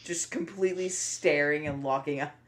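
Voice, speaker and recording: A man's voice: a little high, normal speed, fairly bright tone. A man running a tabletop game as game master, laid-back and amused.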